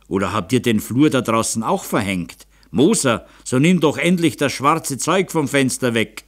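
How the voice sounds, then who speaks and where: A man's voice: mid-range voice, lively intonation, normal speed, voice pushed up, natural voice. A man voicing a proud, impatient aging count who has just gone blind, speaking brusquely and commandingly. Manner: brusque, commanding, rising to anguish.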